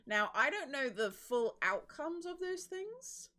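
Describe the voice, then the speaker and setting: A woman hosting a casual game stream, playful and quick to laugh. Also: high-pitched, big pitch swings, pushed and bright. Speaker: streamer host. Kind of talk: casual gameplay commentary.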